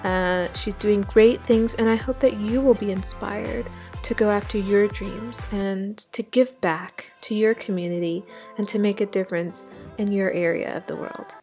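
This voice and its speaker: Host: woman, upbeat, encouraging, mid pitch, soft music behind. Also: steady tone, normal speed. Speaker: interviewer and host. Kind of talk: introduction and interview questions.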